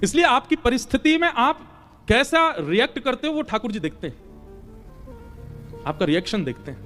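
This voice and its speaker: A young man with a high voice tells a devotional story sermon. He slips into the voices of the figures as he narrates. Soft music plays faintly underneath. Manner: acts out dialogue of figures in the story. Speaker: spiritual storyteller.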